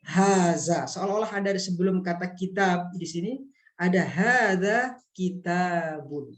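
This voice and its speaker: A man teaching a class in a relaxed, reassuring way, working through examples with rhetorical questions. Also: high voice, normal speed. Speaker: lecturer. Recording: echoey room.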